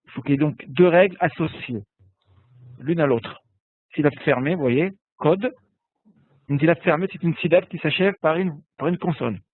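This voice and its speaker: A man's voice: on the high side, moderate pace, no echo. A man teaching a biblical Hebrew lesson online, patiently explaining and often checking with "d'accord?". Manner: patient, repeats words and asks "d'accord?" often. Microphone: online call. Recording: tinny webinar audio, phone-like.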